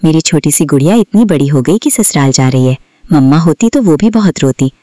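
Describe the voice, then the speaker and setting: A woman's voice: deep voice, expressive, fairly quick, mellow, no echo, clean studio sound. A woman voicing a loving, scolding motherly figure in a storybook. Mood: tender. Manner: scolding, affectionate.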